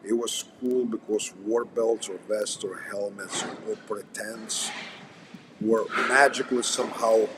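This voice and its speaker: Russian accent guy, kinda deep voice, blunt sweary chat, noisy cafe behind him. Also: fairly even intonation, a little slow. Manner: blunt, profane, wry. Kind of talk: casual chat. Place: coffee house. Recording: noisy coffee house ambience.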